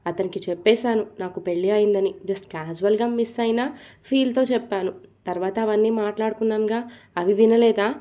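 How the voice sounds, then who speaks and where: A woman voicing a hurt, sharp-tongued young wife who speaks reproachfully in an audio story. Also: medium pitch, fairly quick, lightly acted. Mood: angry.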